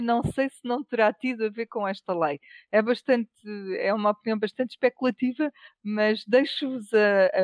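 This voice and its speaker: A woman with a European Portuguese accent, giving political commentary on a panel with measured, hesitant restarts. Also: a little high, dry recording. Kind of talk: panel discussion.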